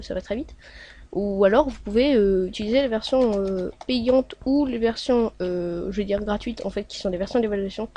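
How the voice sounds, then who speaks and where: A woman's voice: mid-range voice, mellow. A woman hosting a casual screen-recorded tutorial, talking along hesitantly with many filler sounds as she clicks through steps. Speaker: tutorial host.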